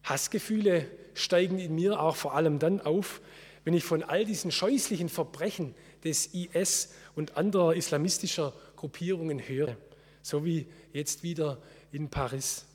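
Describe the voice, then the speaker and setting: A man giving an earnest, measured sermon as a preacher. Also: a little high, darkish tone, slightly rough, long reverb tail. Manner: earnest, measured preaching with slow solemn quotes.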